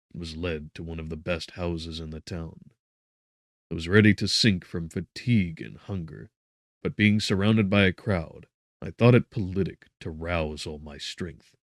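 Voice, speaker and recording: An audiobook narrator with a very deep voice reads gothic fiction in a dramatic, solemn, measured way. The recording is dry, with hardly any room sound around him.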